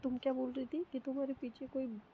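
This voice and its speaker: A woman's voice: high-pitched, flat delivery, fast, phone-quality sound, a little hiss or hum, pitched above the performer's own voice, close to an everyday voice. A woman voicing a carefree young woman who teases and scolds her friend. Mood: teasing. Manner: teasing, exasperated. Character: teasing, carefree young woman, playful roommate.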